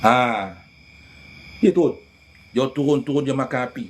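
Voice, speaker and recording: A man, a religious healer telling animated stories in casual chat, often addressing listeners directly. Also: medium pitch, moderate pace, a little hiss or hum.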